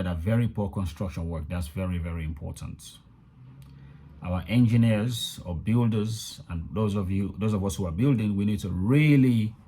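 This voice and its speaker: A man's voice: fairly low pitch, dark tone, a little hiss or hum. A man hosting a casual news update to viewers, conversational and emphatic, repeating words for stress. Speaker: video channel host. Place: indoors in a room in London.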